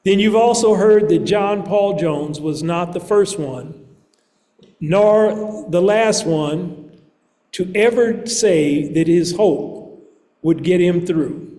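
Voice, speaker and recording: A man preaching a sermon in a church, reading scripture and then speaking in a slow, measured way with deliberate pauses. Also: high-pitched, dark tone. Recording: long reverb of a large hall.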